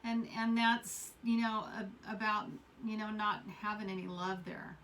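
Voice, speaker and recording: A woman's voice: mid-range voice, fairly even intonation, measured pace, fairly bright tone, far from the mic, slight background noise. A woman doing a casual tarot reading, rambling and repeating herself with many fillers. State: coughing fits. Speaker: tarot reader.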